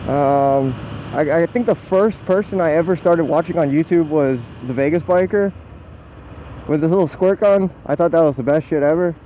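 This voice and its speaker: Out riding his motorcycle, a man in his 20s with an American accent talks off the cuff, self-deprecating, meandering, and casually profane. His pitch is fairly high and his speed normal, while the muffled helmet mic picks up engine and road sounds.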